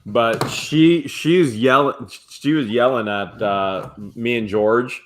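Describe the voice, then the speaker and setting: Male streamer, casual storyteller, middle pitch, slips into quoted voices. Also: slow, slight background noise. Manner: animated storyteller, acts out quotes. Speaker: flipping channel host. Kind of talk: casual live-stream chat.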